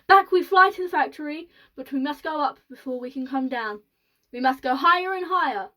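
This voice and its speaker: Woman doing eccentric male chocolate maker, storybook reading, high-pitched, grand, exclamatory. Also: animated, fairly quick, pushed and bright. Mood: excited.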